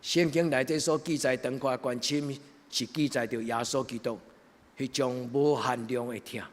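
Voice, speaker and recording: Man, Taiwanese Hokkien accent, pastor's sermon, emphatic soft-to-loud delivery, medium pitch, long hall reverb. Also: fairly even intonation, moderate pace. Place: large church hall during a livestreamed service.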